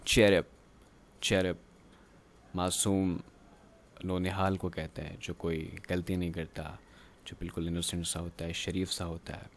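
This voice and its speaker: A man teaching a grammar lecture. He explains slowly and haltingly, with drawn-out pauses, and reads textbook lines aloud in English. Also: low-pitched, level tone, slight background noise.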